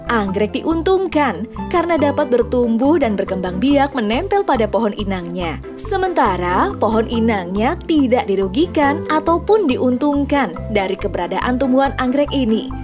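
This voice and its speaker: A woman's voice: a little high, lively intonation, moderate pace. A woman narrating an educational cartoon for children, friendly and asking the young audience questions. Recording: music playing behind.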